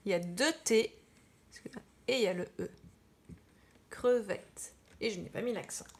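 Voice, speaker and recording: A woman teacher giving children a slow spelling dictation, repeating each word and spelling it out. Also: medium pitch. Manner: slow, deliberate, spells out words and repeats them. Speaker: primary school teacher.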